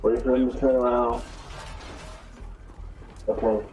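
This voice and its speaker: A young man giving excitable let's play commentary, shouting at the game as he plays. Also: medium pitch, takes it slowly, soft background music, rough recording. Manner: excitable, exclamatory, talks to the game. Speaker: gameplay channel host.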